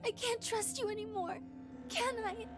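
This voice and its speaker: A woman voicing a gentle, soft-spoken young woman who speaks in a hesitant, pleading way. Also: very high-pitched, normal speed. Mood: hurt pleading. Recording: game audio with music underneath.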